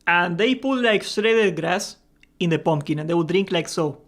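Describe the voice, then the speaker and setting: A man's voice: sits high, expressive, moderate pace, fairly bright tone. A young man hosting a gaming livestream, chatting casually and jokingly, laughing often and swearing freely. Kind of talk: casual live-stream chat.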